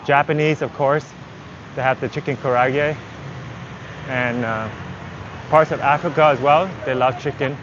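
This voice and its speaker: Over dull audio thick with loud traffic, vehicles and city noise, a man speaks outdoors on a busy street. His mid-range voice is fairly even and a little slow, broken by long pauses. A native Vietnamese speaker, he rambles casually in English, thinking aloud like a walking travel livestreamer.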